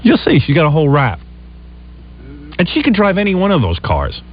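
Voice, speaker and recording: A man's voice: fairly high pitch, wildly swooping pitch, brisk. Man, radio host, exasperated comic rant, lo-fi broadcast sound. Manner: exasperated, re-enacting quarrels in quotes. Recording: lo-fi radio recording.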